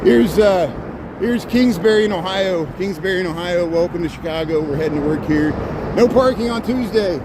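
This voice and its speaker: A man's voice: high-pitched, normal speed. Chatty man streaming on a noisy street. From Indiana, US Midwest. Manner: rambling and chatty, laughs often. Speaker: livestream host. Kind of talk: casual walking livestream chat. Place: outdoors on a busy city street. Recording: street traffic noise behind.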